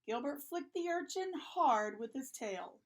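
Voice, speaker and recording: A woman reading a children's picture book aloud in a lively, expressive way. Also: high-pitched, measured pace. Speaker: storybook reader. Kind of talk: children's story read-aloud.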